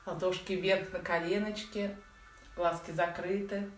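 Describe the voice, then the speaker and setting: A woman's voice: on the low side, fairly even intonation, unhurried, faint music behind. A woman in her forties giving informal, chatty breathing instruction to beginners, using affectionate diminutives. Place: living room at home, indoors. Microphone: phone or camera set a little way off. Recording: echoey room, distant mic, faint noise.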